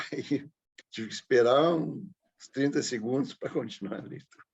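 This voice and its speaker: Gravelly, husky Brazilian man. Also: medium pitch, normal speed, dull audio. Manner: chatty, hesitant, emotional storytelling. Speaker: study group participant. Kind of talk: casual online group discussion. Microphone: video call.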